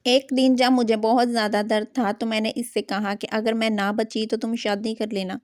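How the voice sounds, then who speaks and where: A woman storyteller reading a romantic novel aloud at a steady, even pace. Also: fairly high pitch, dry recording, clean studio sound.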